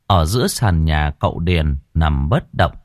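A man narrating a scripted horror story in a dramatic, expressive way. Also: very deep voice, unhurried, no echo, clean studio sound.

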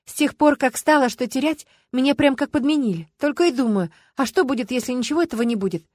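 A woman's voice: high-pitched, lively intonation, fast talker, a little mellow, no echo, studio quality, pitched above the performer's own voice. A woman doing a fretful, chatty wife. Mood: wistful. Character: anxious, chatty young wife and friend.

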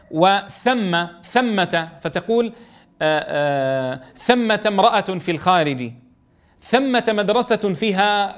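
High-voiced man teaching a Quran lesson. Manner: reads quoted text slowly, then explains quickly, often checking with listeners. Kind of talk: explaining a classical text in a lesson.

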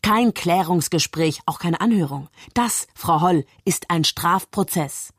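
A woman voicing an angry, stern female judge who hisses and raises her pitch, read in a dry studio. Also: expressive, brisk, dry recording, close to an everyday voice. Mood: furious. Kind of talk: literary reading.

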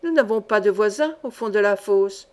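A woman's voice: medium pitch, animated, normal speed, a little mellow, lightly acted. A woman reading the lines of a young male miner with respectful, plain replies. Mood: earnest.

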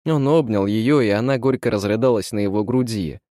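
A man's voice: fairly low pitch, brisk, dark tone, no echo, clean studio sound. Man narrating an audiobook. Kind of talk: audiobook reading.

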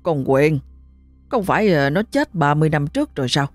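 A woman voicing a gruff, scheming older husband who grumbles and talks fast. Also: low-pitched, very animated, darkish tone, dry recording, faint music behind. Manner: irritable, grumbling.

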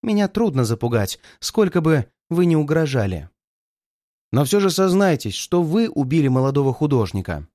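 A man's voice: on the high side, very animated, normal speed, no echo, clean studio sound. A man voicing a furious murderous actress. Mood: gloating. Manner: threatening, mocking, shouting in fury. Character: cold murderous young woman, stage performer.

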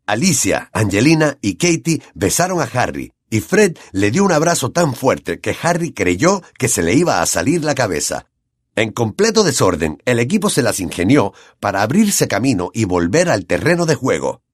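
Expressive husky audiobook narrator. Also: male voice, mid-range voice, normal speed, dry recording, clean studio sound. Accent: Latin American Spanish. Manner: expressive, animated reading.

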